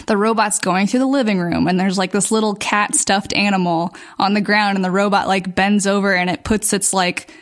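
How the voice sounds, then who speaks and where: A woman's voice: mid-range voice, steady tone, moderate pace, hardly any pauses. A woman speaking casually as a podcast panelist, hedging with fillers. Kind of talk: casual chat.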